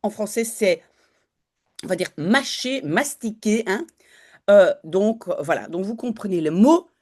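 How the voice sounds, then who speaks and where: A woman's voice: mid-range voice, lively intonation, unhurried, darkish tone. A woman teaching Dutch, talking learners through a news article in a chatty way, with many fillers and self-corrections.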